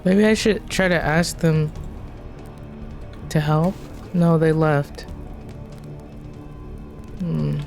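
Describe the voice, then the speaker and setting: A woman's voice: sits low, extremely slow, vocal fry, pauses often, a little mellow, soft background music. A woman streaming a game, talking to herself anxiously and repeating her questions as she plays. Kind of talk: live gameplay commentary.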